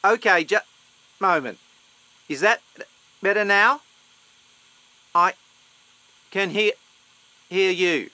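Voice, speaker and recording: A man on a video call, speaking in halting, broken-off phrases while his voice keeps cutting in and out over a bad connection. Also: high-pitched, sharp tone, no echo, poor audio. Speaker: video call meeting participant. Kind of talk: scripted dialogue.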